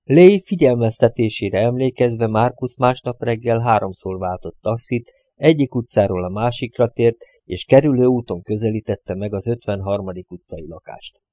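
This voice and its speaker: A man reading a novel aloud as an audiobook narrator, in a steady, plain way. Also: medium pitch, no room sound, studio quality.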